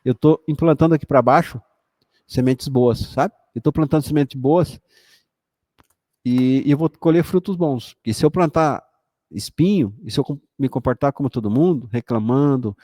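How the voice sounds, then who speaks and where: A man's voice: normal speed, no echo. Emphatic Brazilian man giving a motivational talk. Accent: Brazilian Portuguese. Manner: conversational, frequent "sabe?" and "né?" asides; animated, emphatic rises in pitch. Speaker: motivational speaker.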